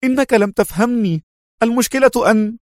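A man voicing a nervous young police lieutenant who speaks high, tense and shaky. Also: moderate pace, a little mellow, no echo, clean studio sound, natural voice. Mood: frightened.

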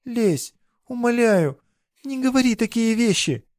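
A tearful young peasant girl from a spoken folk tale, as a male narrator puts her on. She pleads in a strained, high voice, breathless with fear. The recording is dry and close. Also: lively intonation, a little slow, a little mellow, dry recording. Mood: desperate pleading.

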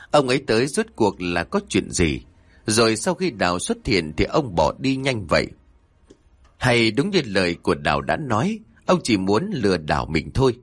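A man's voice: mid-range voice, husky. A man narrating a horror story in a dramatic, suspenseful way.

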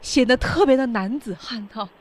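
A woman's voice: fairly high pitch, normal speed. A woman co-hosting a radio English lesson, chatting in a casual, playful, colloquial way. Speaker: radio co-host.

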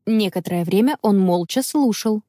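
A woman narrating a children's audiobook in a clear, expressive reading style. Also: medium pitch, moderate pace, no room sound, studio quality. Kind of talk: scripted storybook narration.

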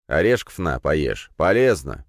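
A man voicing a calm, worldly middle-aged crime boss who talks unhurriedly, in an audiobook. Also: rumbling low, unhurried, dry recording, studio quality, full character voice.

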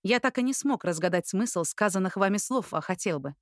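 A woman narrating an audiobook in clear, even scripted narration. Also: mid-range voice, a little fast, dry recording, clean studio sound.

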